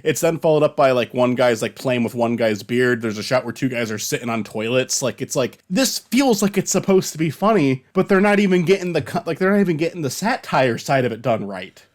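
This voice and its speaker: A man's voice: mid-range voice, lively intonation, brisk, hardly any pauses. Rambling man in his thirties. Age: 30s. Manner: rambling, laughs often, many restarts and fillers. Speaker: podcast co-host. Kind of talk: casual movie review chat.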